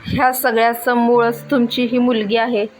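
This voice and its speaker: A woman voicing a troubled middle-aged husband in a spoken story, read in a plain, even voice. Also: fairly high pitch, moderate pace, faint music behind, natural voice, rough recording. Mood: bitter. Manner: flat, plain reading voice.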